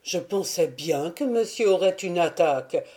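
A woman's voice: fairly low pitch, animated, measured pace, mellow. A woman reading an audiobook voices a fretful, chatty male household servant. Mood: worried.

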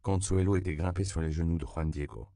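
A man narrating an audiobook in a measured, steady reading style. His voice is very low and gravelly, with a dark, mellow tone. The recording is dry and close, with no room sound. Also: no room sound. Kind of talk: scripted narration.

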